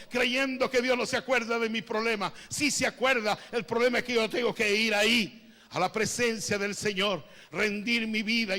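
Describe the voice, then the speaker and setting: Man, pastor, sermon, bright ringing voice, loud then hushed, long hall reverb. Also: high-pitched. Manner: swings from loud preaching to hushed, drawn-out lines; speaks in tongues and prophesies.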